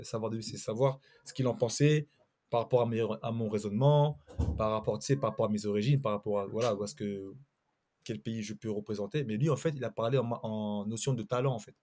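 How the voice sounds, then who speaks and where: A man's voice: medium pitch, fairly quick, dark tone. Male ex-player from Paris, middle voice, loose anecdotal storyteller. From Paris, France. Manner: storytelling, hesitant with fillers. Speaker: former footballer, panel guest. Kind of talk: casual chat.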